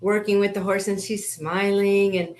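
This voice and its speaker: A woman's voice: mid-range voice, level tone, moderate pace, a little mellow, a little hiss or hum. A woman who coaches people with horses, speaking earnestly and affirming her partner in a casual interview.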